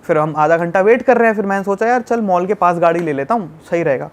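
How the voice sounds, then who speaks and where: A young man from Delhi, appearing as a podcast guest, tells a story in a casual chat at a quick pace. His voice sits high for a man, and he speaks in an animated, emphatic way, repeating words for effect.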